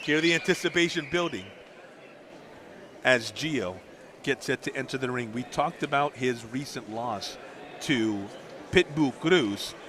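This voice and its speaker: A man's voice: mid-range voice, animated, unhurried, pauses often, noisy background. A man giving live boxing commentary as he covers the fighters' entrances and statistics. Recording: loud crowd and music behind. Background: arena crowd and music.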